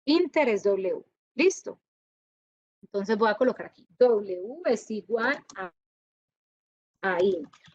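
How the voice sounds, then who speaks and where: A woman teaching a university class, lively and often checking whether her students follow. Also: medium pitch, slow pace, long pauses, dry recording, dull audio. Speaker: university lecturer. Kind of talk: classroom lecture.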